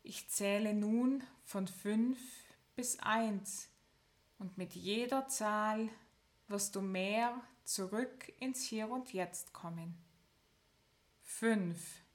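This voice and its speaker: Calm and methodical, a woman talks listeners through progressive muscle relaxation in a mid-range voice, moving step by step and counting down slowly with extended pauses.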